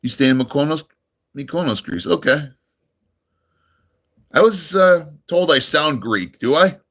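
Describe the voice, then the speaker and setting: A middle-aged American man from near New York chats casually on a live stream, greeting viewers and answering their messages in a friendly, rambling way, full of ums and uhs. His voice is a little high, expressive, unhurried and a bit bright, with a full radio-style quality.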